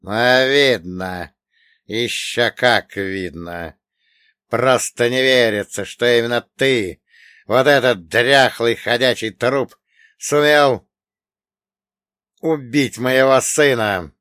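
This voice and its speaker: A man's voice: mid-range voice, takes it slowly, fairly bright tone, clean tone, no echo, clean studio sound. A man voicing a cold, scornful middle-aged oligarch who barks his lines in an audiobook. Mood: mocking. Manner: scornful, barking.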